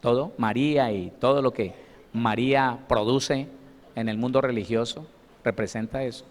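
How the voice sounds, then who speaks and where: Emphatic preacher in a reverberant hall. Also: male voice, mid-range voice, moderate pace. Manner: emphatic, rhetorical questions put straight to listeners. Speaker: pastor. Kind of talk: Bible study sermon.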